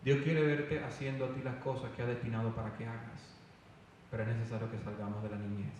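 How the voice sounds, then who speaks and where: A man preaching a fervent sermon with loud emphatic calls. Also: medium pitch, little pitch movement, a little fast, a little hiss or hum. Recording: echoey hall, voice from far off.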